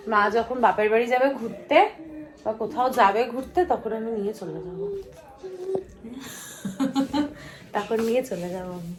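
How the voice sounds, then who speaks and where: A woman's voice: fairly high pitch, poor audio. A woman chatting casually to her viewers in a daily home vlog. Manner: chatty, addresses viewers directly. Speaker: vlogger.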